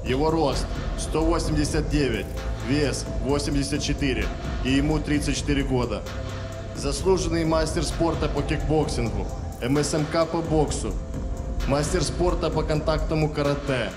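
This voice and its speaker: A male ring announcer delivers formal fighter introductions in a measured, projected way. His voice sits a little high. It rings through an echoey hall with loud music underneath.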